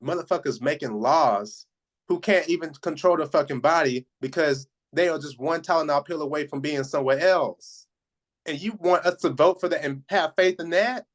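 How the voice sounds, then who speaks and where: A man's voice: on the high side, normal speed. A man co-hosting a casual podcast, ranting sarcastically and swearing. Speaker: podcast co-host. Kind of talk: casual chat.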